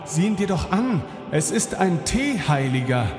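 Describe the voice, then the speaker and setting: A naive, earnest space adventurer played by a man in a radio play, with a high voice. The delivery is slow and halting. Long reverb surrounds it. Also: very animated. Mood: nervous, halting. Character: hesitant, naive male space traveller, droid's master. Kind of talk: audio drama acting. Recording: echoey long reverb, under music.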